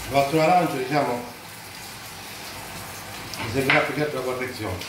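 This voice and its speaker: A man in his forties talks through a recipe in a very echoey kitchen, a little away from the mic. He speaks haltingly and casually, repeating himself, with clear sizzling noise behind him. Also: medium pitch, distant mic. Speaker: home cook presenting a recipe. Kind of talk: casual cooking demonstration. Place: home kitchen, indoors. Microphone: phone held by someone a few steps away.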